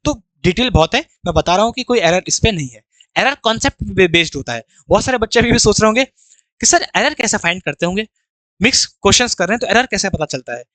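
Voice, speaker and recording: A man's voice: high voice, animated, fairly bright tone, no echo. A man teaching a grammar lesson for exam preparation, reading each sentence out word by word and then explaining it. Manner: explains slowly, reads English sentences word by word then explains them. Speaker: English teacher.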